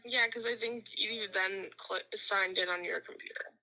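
A woman's voice: medium pitch, steady tone, normal speed, pushed and bright. A woman talking casually on a phone call, heard through a speaker with short, easygoing replies. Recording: faint, distant phone speaker.

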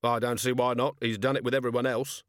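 A man's voice: mid-range voice, flat delivery, quick pace, dry recording, close to an everyday voice. A man voicing a weary, blunt male watch commander in an audiobook, dry and tired.

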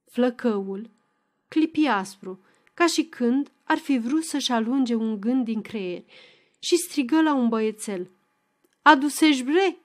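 Woman, audiobook narrator, expressive dramatic reading, fairly high voice.

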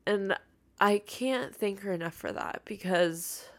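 A woman's voice: mid-range voice, slow pace. Chatty young woman rambling on her podcast. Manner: rambling and chatty, full of fillers and asides; heartfelt and open. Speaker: podcast host. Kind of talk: casual solo podcast monologue.

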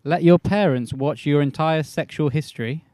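A man co-hosting a podcast, reading out questions in a relaxed, offhand casual chat. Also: on the high side, normal speed, no echo. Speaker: podcast co-host asking questions.

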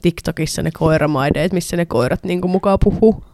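A woman's voice: fairly low pitch, dark tone, no room sound, studio quality. A young woman co-hosting a casual podcast chat, answering briefly and swearing offhand. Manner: short backchannel replies, swears casually. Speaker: podcast co-host.

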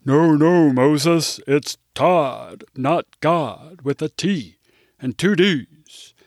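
A man's voice: fairly high pitch, very slow, dry recording, clean studio sound, pitched above the performer's own voice. A man voicing an exasperated male deity who keeps correcting how his name is spelled. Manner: exasperated, pleading.

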